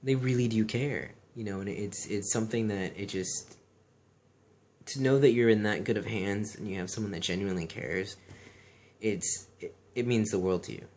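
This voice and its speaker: A man's voice: fairly low pitch, moderate pace, darkish tone, a little hiss or hum. A man talking casually and earnestly in a personal vlog, repeating himself and often saying "you know".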